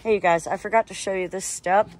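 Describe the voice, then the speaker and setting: Holding her phone as she grills on a deck by a lake, a woman talks casually to the camera for her cooking vlog, rambling along at a relaxed pace. Her voice is medium-pitched and steady, and the recording quality is low.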